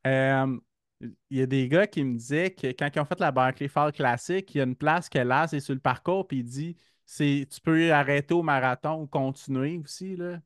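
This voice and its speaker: A man's voice: on the high side, normal speed, dry recording, studio quality. A man with a Québécois French accent hosting a podcast, asking easygoing questions with hesitations. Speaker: podcast host. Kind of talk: casual interview questions.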